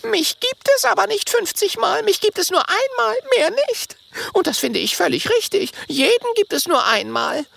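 A woman's voice: extremely high pitch, expressive, normal speed, vocal fry, a bit bright, heavily acted. Woman voicing a tiny bragging dragon boy. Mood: dismayed. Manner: stammering, hesitant then boastful. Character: tiny boastful nervous male digging dragon. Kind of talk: audiobook character voice.

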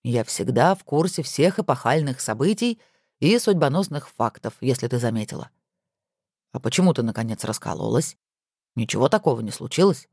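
A woman's voice: very deep voice, lively intonation, brisk, a little mellow, breathy edge, no room sound, voice pushed down, exaggerated voice. A woman voicing a teasing, self-important rich husband on the phone, with dry mock-pompous humor.

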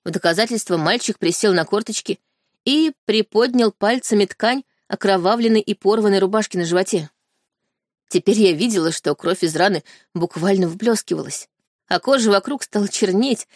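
A woman narrating a fantasy audiobook in the first person, in a steady, measured way. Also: mid-range voice, dry recording, studio quality.

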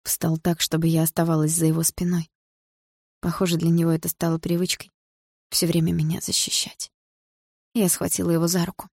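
A woman narrating a novel in the first person, reading in a steady, even storytelling manner. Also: lowish voice, fairly quick, creaky, dry recording, studio quality. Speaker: audiobook narrator.

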